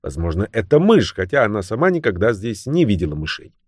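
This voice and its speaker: A man reading a novel aloud as an audiobook narrator, expressive and voicing the characters' lines. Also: on the low side, brisk, slightly rough, no room sound, studio quality. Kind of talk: scripted narration.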